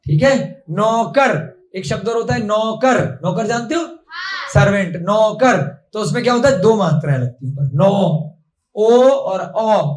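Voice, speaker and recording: A man's voice: sits high, reverberant. A young man teaching a classroom lesson, patiently asking the class questions.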